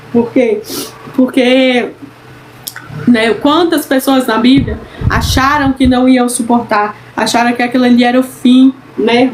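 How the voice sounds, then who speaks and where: Woman, Bible study teacher, earnest, repetitive, high-pitched, faint background hiss. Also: poor audio. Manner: earnest, repeats phrases, frequent "né?".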